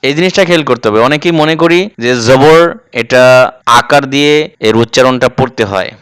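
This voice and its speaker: A man teaching Quran recitation, explaining heavy letter sounds slowly and deliberately and repeating each sound to demonstrate it. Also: mid-range voice, a bit bright, clean tone, no room sound. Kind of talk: instructional explanation.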